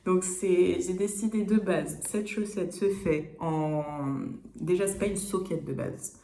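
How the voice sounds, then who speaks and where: A woman's voice: on the low side, fairly even intonation, a little slow, creaky, warm tone, roomy sound. A young woman from France chatting casually in a knitting vlog, slangy and full of fillers and restarts. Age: young adult. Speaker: knitting vlogger, exchange student.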